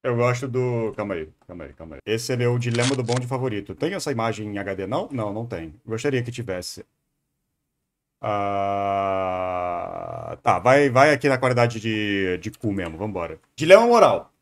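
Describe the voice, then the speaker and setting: His voice is lowish and expressive at a normal speed, with crowd noise in the background. Speaking with a Brazilian Portuguese accent, the man reacts to a video in casual live-stream commentary, repeating words and hesitating as he thinks aloud.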